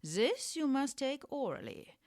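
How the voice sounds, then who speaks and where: A woman's voice: high voice, sing-song, a little slow, darkish tone, voice pushed up. A woman voicing a cold, stern refugee German male doctor with a put-on German accent.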